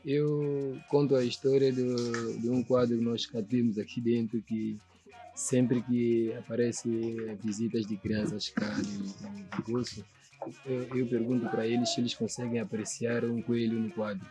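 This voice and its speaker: A man's voice: medium pitch, dark tone. A man from São Tomé with a São Tomé Portuguese accent, a sculptor speaking earnestly and reflectively in a documentary interview, often checking that the listener understands. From São Tomé and Príncipe. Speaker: sculptor and painter.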